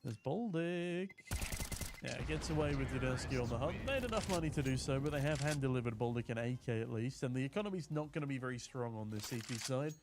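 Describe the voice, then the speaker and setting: A man from the UK casting a community tournament live, chatty and getting excited on big plays, while reading out viewer chat. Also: medium pitch, fast, background noise. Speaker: esports caster.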